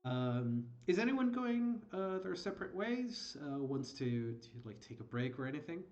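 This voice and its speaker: A man running a tabletop game as game master, narrating in a halting, hesitant way. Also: a little high, sing-song, a little mellow, highs cut off.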